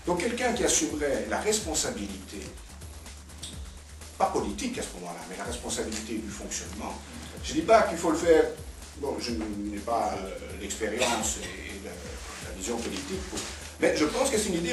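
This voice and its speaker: Here a man of medium pitch talks in a sing-song way, a little fast, offering unscripted commentary as a guest expert in a political debate around a table. He sets out his case didactically and leans on repeated words. Music plays in the background of the echoey, roomy indoor cafeteria, captured by a far-off microphone.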